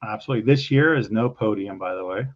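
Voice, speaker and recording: A man who runs a pitch competition, chatting casually with enthusiastic, salesy energy. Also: fast, lo-fi sound. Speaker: event organizer. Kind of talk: casual conversation.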